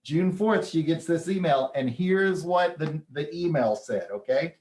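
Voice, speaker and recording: A man hosting a casual chat, telling news stories in a relaxed, chatty way with plenty of fillers. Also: fairly high pitch, measured pace, roomy sound. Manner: chatty storyteller with frequent fillers. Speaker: host.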